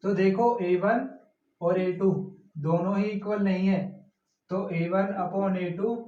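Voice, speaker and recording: A man's voice: sits high, steady tone, takes it slowly. A male teacher explaining a math lesson step by step, asking and answering his own questions as he works through it. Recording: roomy, distant, muffled classroom recording.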